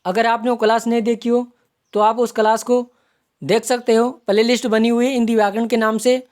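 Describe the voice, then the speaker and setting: A woman's voice: fairly high pitch, flat delivery, moderate pace, darkish tone. A woman teaching an online exam-prep grammar lesson, explaining step by step and repeating each term as she points it out. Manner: explanatory, repeats terms while pointing them out.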